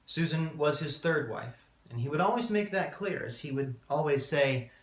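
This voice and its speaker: A man delivering a prepared eulogy as a speech, solemn and measured, with deliberate pauses. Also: fairly high pitch, lively intonation. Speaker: student speaker giving a eulogy. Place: indoor room, public speaking class. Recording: roomy, echoing room sound.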